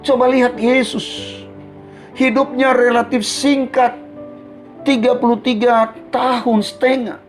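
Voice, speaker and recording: A man's voice: very high voice, flat delivery, unhurried, faint music behind. A man preaching a radio sermon from Central Sulawesi, telling a story and addressing listeners as brothers and sisters. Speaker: preacher on a morning devotional radio program.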